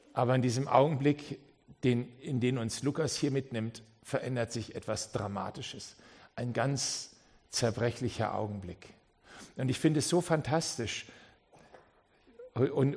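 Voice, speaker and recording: A male preacher delivers a sermon in a church, in a voice pitched a little above the usual for a man. He drops low and quiet at times, then builds to loud, insistent appeals. He stumbles and repeats words as he goes. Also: creaky. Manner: swings between quiet, low passages and loud, emphatic rising appeals; repeats words and restarts often.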